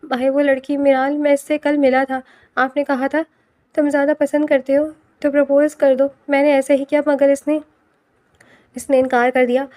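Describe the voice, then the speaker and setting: Shy young man, heartbroken, self-pitying, high woman's voice. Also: little pitch movement, a little mellow, no echo, studio quality, lightly acted.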